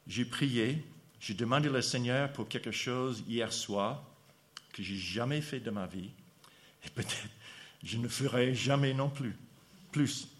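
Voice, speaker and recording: A man with an American accent preaching a sermon, speaking haltingly with pauses and fillers. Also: mid-range voice, fairly bright tone.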